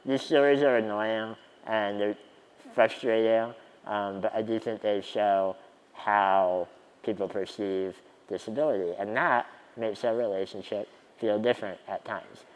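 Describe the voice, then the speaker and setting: A man's voice: lowish voice, fairly even intonation, measured pace, big-room sound, poor audio. Man, twenties, conference keynote, wry self-deprecating storytelling. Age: 20s. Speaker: keynote speaker. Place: conference stage.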